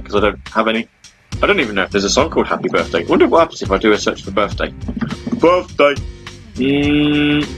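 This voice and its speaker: A man's voice: mid-range voice, fairly bright tone. A man in his thirties hosting an internet radio show, rambling chattily with lots of ums and restarts. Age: 30s. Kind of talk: casual chat.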